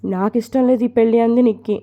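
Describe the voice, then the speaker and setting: An upset young bride protesting, played by a woman reading a story. The voice sits fairly high and sounds mellow. She pleads and argues in a storybook reading. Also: steady tone, quick pace, muffled recording, natural voice.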